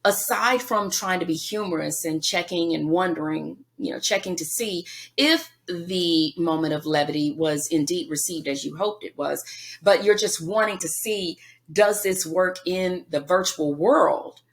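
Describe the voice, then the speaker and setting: A woman's voice: on the low side, a little slow. Woman guest on a podcast, upbeat coaching style, punchy and emphatic. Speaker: guest speaker. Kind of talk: energetic advice in a podcast interview.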